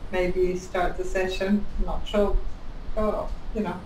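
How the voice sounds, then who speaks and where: A woman's voice: on the low side, flat delivery, a little slow, darkish tone, recorded from a distance. A chatty woman introduces herself on a video call, laughing lightly between phrases. She sounds set back from the mic in a roomy space, with a faint hiss. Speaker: webinar guest speaker. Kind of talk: casual chat and self-introduction.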